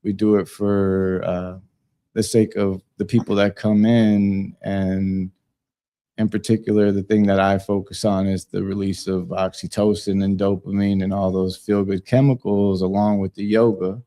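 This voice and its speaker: A man born in South America and raised in Puerto Rico speaks as a guest on a radio show. His low, dark voice is laid-back, with many pauses and fillers. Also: little pitch movement. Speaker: guest, business owner. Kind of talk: casual interview.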